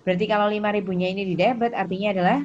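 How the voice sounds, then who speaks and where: Speaking very fast in a medium-pitched, darkish voice with fairly even intonation, an Indonesian woman runs an interactive online accounting class. She calls on students by name, goes over key points again and nudges them along, all captured in muffled, noisy lo-fi sound.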